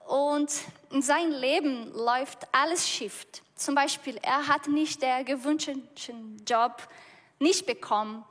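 A woman gives a sermon in a high voice, talking slowly and feeling her way through each sentence. She often breaks off and starts her words again. The sound rings with the long reverb of a large hall. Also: a bit bright. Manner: slow, searching storytelling with frequent restarts. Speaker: preacher.

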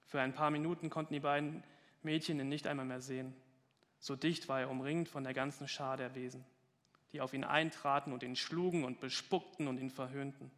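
A man's voice: fairly high pitch, fairly bright tone, big-room sound. A man reading a story aloud with dramatic emphasis during a talk.

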